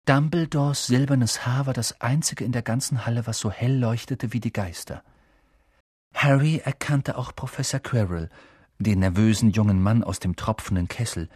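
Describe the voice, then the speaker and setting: A man narrating an audiobook in an expressive, storytelling manner. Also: fairly low pitch, slightly rough, no echo, studio quality. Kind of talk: scripted narration.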